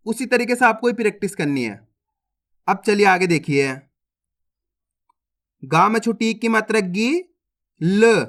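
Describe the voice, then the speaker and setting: A man teaching a reading lesson, sounding out words slowly syllable by syllable and quizzing viewers as he drills them. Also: sits high, creaky, pushed and bright. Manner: slow, syllable-by-syllable, repetitive drilling; addresses viewers as friends, asks quiz questions.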